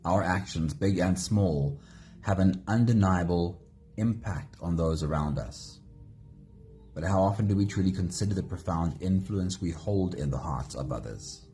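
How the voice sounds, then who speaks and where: A man hosting a live guided meditation, speaking gently and greeting viewers by name. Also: deep voice, normal speed, faint music behind. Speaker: meditation host.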